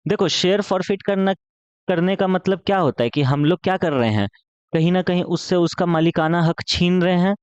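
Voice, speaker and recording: A man's voice: sits high, normal speed, clean tone, dry recording, muffled recording. A man teaching an accounting lesson in a playful, chatty tone, asking questions in his students' voice and answering them himself. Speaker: commerce teacher.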